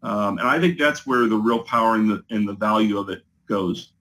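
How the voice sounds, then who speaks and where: A man's voice: lowish voice, moderate pace, fairly bright tone, slight background noise, low-quality recording. A man on a video call from his home office, giving an interview testimonial, talking hesitantly with many fillers and restarts. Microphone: video call with a poor connection.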